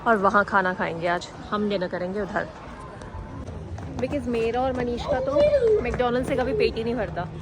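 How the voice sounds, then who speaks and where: A woman's voice: fairly high pitch, moderate pace, over a noisy crowd. A woman in her thirties from India, chatting casually to viewers as she films her family vlog on a handheld phone. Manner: chatty, relaxed, addresses viewers directly. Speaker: family vlogger, mother of two. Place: out and about: streets, restaurant, café, home. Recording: vlog audio with clear background noise.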